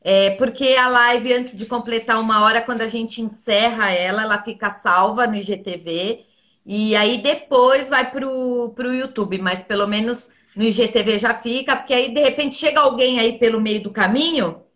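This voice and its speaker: Female host, slightly high voice, warm-up for a live chat, reassuring and encouraging. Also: moderate pace, highs cut off. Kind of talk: casual live-stream chat.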